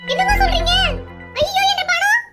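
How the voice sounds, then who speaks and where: A woman voicing a fretful, dramatic village wife in a cartoon, with fast, excitable exclamations. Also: extremely high pitch, over loud music. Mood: alarmed.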